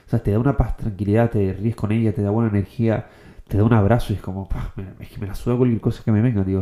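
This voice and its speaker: A young man from the Canary Islands delivers a casual motivational monologue to his followers. He talks very fast in a slightly low, very dark voice. His speech is packed with slang, and he keeps throwing in "tío" and "bro". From Canary Islands, Spain. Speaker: motivational content creator.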